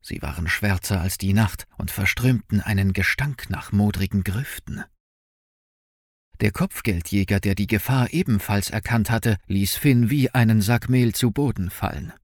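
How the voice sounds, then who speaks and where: A man narrating an audiobook in an expressive, dramatic storytelling manner. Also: lowish voice, moderate pace, no room sound, clean studio sound.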